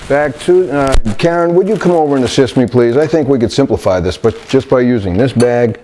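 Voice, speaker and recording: A man hosting a cooking video, talking through a recipe in his kitchen in a halting, meandering way. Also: medium pitch, warm tone, slight background noise. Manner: halting, meandering, searches for words. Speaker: cooking show host demonstrating recipes. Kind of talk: unscripted cooking demonstration. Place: home kitchen indoors.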